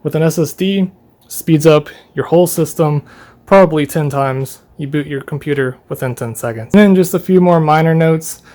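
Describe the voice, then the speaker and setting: A young man giving a casual tour of his bedroom, chatting in a relaxed, rambling way with fillers and small laughs. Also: on the high side, moderate pace. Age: young adult. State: running out of breath. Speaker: YouTuber giving a room tour. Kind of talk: casual room tour vlog.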